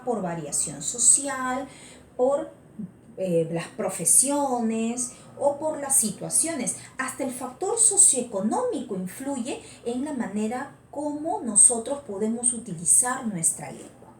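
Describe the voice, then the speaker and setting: A woman's voice: fairly high pitch, darkish tone, reverberant, slight background noise. A woman with a Lima Peruvian accent, teaching an online class and often checking in with her students. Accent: Lima Peruvian Spanish. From Peru. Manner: asks frequent check-in questions.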